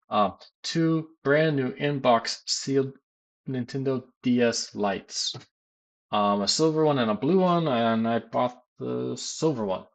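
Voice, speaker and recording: An adult American man who works as a teacher rambles through a casual live stream as a gaming streamer, answering questions from chat. His voice sits at medium pitch, full of ums, fillers and restarts.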